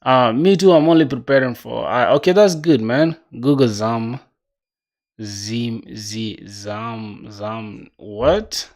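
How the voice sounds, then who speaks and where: A man's voice: medium pitch, slow, darkish tone. A man in his twenties chatting casually on a coding livestream, laid-back and slangy, reading viewer comments aloud. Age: 20s. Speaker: streamer.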